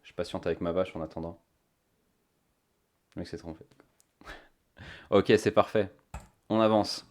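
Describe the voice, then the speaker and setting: A man's voice: deep voice, steady tone, measured pace, pauses often, a little mellow. A man chatting casually to his stream viewers, thinking aloud with many fillers on a cheap microphone. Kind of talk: casual live-stream chat.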